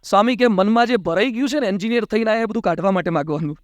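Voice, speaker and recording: A man's voice: sits high, very fast, dry recording, studio quality. A man, a monk giving a sermon, telling anecdotes in a conversational way and acting out the dialogue. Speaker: monk giving a religious discourse. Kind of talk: storytelling sermon.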